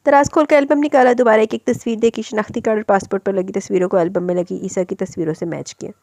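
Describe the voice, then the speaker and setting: A woman's voice: mid-range voice, fairly even intonation, fast talker, darkish tone, no room sound. A woman narrating a romance novel as a storyteller, reading dramatically and breaking off into chatty asides.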